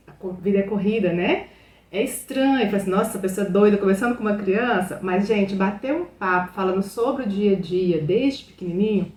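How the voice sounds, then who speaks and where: A woman's voice: mid-range voice, darkish tone. Brazilian pediatrician woman in an echoey room. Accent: Brazilian Portuguese. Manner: chatty, often asks "né?" and calls the audience "gente". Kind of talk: advice talk to parents. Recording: echoey room, distant mic.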